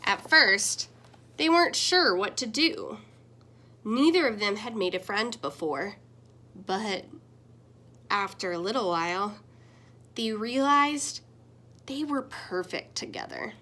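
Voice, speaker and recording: Pausing often and reading slowly, a young woman shares a picture book with children as a teacher might. She's tender and expressive, with dramatic swings in pitch and volume.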